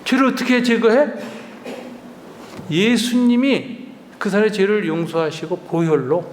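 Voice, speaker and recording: An older man, a pastor, preaching a lively, colloquial retreat sermon, acting out dialogue and chuckling often. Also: sits high, unhurried, slight background noise. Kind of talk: retreat sermon, storytelling with acted quotes. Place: church hall. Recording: roomy hall reverb, faint ambience.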